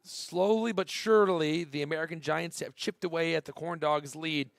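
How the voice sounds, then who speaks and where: A man calling a baseball game live, chatting between pitches and rising to excited shouts on big plays. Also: normal speed, gravelly, no echo, studio quality. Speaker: play-by-play announcer. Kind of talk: live baseball play-by-play commentary.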